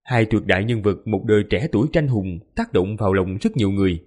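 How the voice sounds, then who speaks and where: A man's voice: lowish voice, very animated, quick pace, darkish tone. A man narrating a fantasy martial epic as an audiobook, vivid and emphatic. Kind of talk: dramatic fantasy novel narration.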